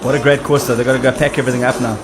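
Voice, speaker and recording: A man's voice: medium pitch, level tone, racing, crowd noise. Man commentating a race over music.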